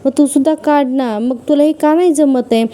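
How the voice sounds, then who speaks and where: Brief: a woman plays a tender worried mother, gentle coaxing, warm mellow tone. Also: sits high, normal speed, pitched above the performer's own voice, natural voice. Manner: soothing, coaxing.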